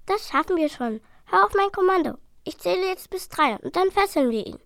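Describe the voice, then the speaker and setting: A woman voicing Furor, an excited young boy dragon who takes charge with eager commands in a storybook reading. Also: very high voice, brisk, vocal fry, no room sound, studio quality, voice pushed up, full character voice.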